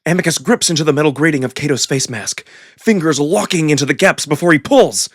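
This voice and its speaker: With a somewhat high voice and a fairly quick delivery, a man performs first-person narration for a visual novel, theatrical and deep in the story. Background noise is present, and music plays under him; he is the narrator and voice performer.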